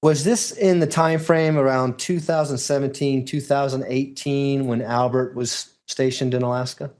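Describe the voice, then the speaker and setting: A man's voice: medium pitch, steady tone, moderate pace, darkish tone. A man speaks as a lawyer examining a witness in a courtroom. His questioning is formal and orderly, built step by step, in an ordinary mid-range voice.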